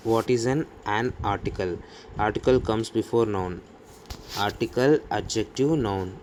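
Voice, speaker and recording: Slow-speaking man with a Telugu accent teaching grammar. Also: lowish voice, a little mellow, slight background noise. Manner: reads English rules slowly, explains in Telugu. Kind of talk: bilingual grammar lesson.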